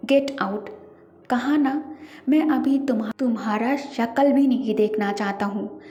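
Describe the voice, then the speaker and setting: A woman's voice: a little high, a little slow, warm tone, highs cut off, faint music behind, natural voice. A woman voicing a stern, angry older brother who gives curt commands. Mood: cold. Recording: echoey reverberant room.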